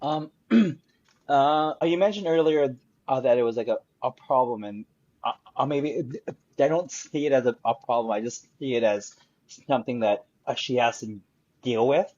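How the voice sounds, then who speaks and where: A man talks in a casual podcast chat, pausing often and filling gaps with "uh". His mic sounds dull and lo-fi, and his voice sits in a middle range. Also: mid-range voice, a little mellow. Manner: hesitant, many fillers. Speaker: podcast co-host.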